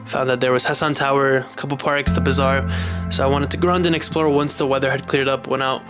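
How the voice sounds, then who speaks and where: A man's voice: mid-range voice, fast talker. Chatty American man vlogging over music. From United States. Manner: relaxed, chatty, many "like" fillers. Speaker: travel vlogger. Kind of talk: casual vlog recap. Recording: loud music bed behind voice.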